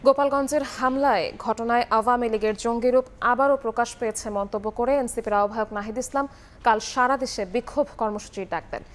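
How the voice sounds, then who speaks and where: A woman anchors the news with crisp, even scripted delivery. She reads briskly, her voice pitched a little high.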